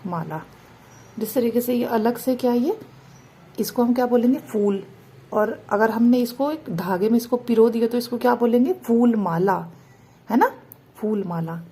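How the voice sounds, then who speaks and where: A woman's voice: on the high side, moderate pace, warm tone, breathy edge. A woman teaching parents the Hindi alphabet, asking questions and answering them herself, stretching out the vowel sounds.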